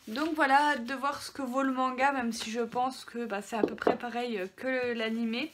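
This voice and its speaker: A woman's voice: on the high side, steady tone, normal speed, a bit bright, slight background noise. A French woman hosting a casual manga haul video, chatting with many fillers and small restarts. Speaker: manga vlogger.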